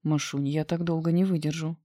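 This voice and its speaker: A woman voicing a tender young man who speaks in a hoarse whisper, in an audiobook reading. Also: sits low, steady tone, fairly quick, warm tone, close to an everyday voice. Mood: strained.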